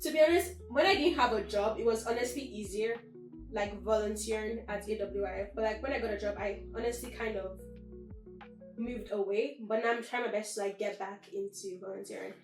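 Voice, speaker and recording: A woman's voice: medium pitch, a little fast. Teen girl talking earnestly in an echoey room, mic kinda far, faint music. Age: teens. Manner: earnest, lots of "like" and "honestly". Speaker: guest. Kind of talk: casual interview answers.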